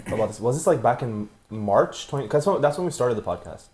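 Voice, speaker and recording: A man's voice: mid-range voice, expressive, fast, darkish tone. Young man hosting a laid-back podcast. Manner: laughs often, loose slangy banter. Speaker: podcast host. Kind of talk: casual chat.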